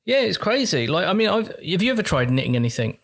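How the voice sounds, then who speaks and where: English man, slightly high voice, casual podcast chat, blunt, sweary, joking. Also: sing-song, quick pace, gravelly. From England. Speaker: podcast co-host.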